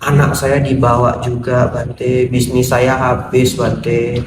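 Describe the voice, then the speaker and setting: A Buddhist monk giving a sermon to an audience, telling stories and acting out little dialogues with humor. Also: male voice, mid-range voice, takes it slowly. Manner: lively storytelling, acts out dialogues, jokes with audience. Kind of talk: Dhamma sermon. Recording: roomy echo, distant mic, faint noise.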